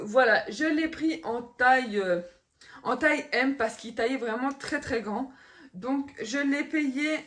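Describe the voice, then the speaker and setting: Chatty woman vlogger, higher voice. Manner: chatty, self-mocking, many fillers. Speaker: fashion haul vlogger. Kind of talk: casual haul vlog.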